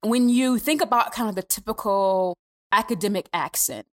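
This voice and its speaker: A woman podcast host asking questions in an animated, halting way with many restarts. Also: medium pitch. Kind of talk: podcast interview.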